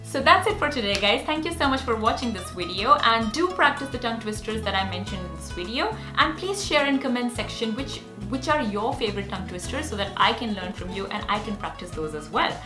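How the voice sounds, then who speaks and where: A Hindi-speaking woman, an actor and speech coach, teaches speech exercises in English with a Hindi accent in a casual teaching vlog. Her fairly high voice has lively intonation, and she talks a little fast with few pauses, upbeat and earnest. The room is echoey, with faint music.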